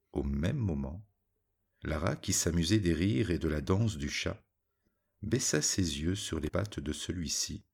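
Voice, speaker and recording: A man reading a storybook aloud in an even, measured way. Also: very deep voice, gravelly, husky. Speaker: narrator.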